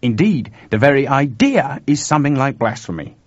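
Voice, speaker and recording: A man voicing an urgent, nervous young male computer technician, talking in an excited rush. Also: medium pitch, moderate pace, no room sound, voice pushed up. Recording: dry, dull lo-fi recording.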